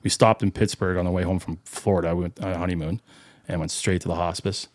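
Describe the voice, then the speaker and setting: A man talking as a podcast guest in a casual, reflective way, pausing often with fillers and restarts. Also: low-pitched, fairly even intonation, no echo. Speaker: podcast guest, firefighter and junior hockey coach. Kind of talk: casual interview talk.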